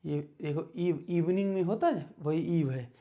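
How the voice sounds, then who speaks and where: A man teaching beginners English words, slowly and patiently repeating each word. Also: a little high, phone-quality sound.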